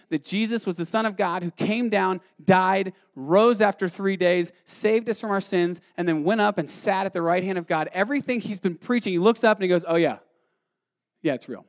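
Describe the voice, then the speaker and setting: A man preaching a sermon, telling the story with animated energy and acting out the voices, swinging from loud to hushed. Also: high-pitched. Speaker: pastor.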